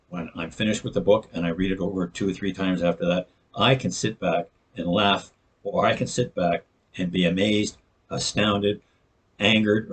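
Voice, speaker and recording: Husky low-voiced man giving writing tips. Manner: earnest, restarts words, frequent fillers. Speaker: novelist sharing writing tips. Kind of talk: casual talk to camera.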